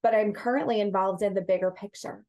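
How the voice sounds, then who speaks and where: Her mid-range voice is steady and darkish as she talks quickly about her job. The interview guest, an executive search partner and HR director, is earnest and emphatic and tends to repeat phrases.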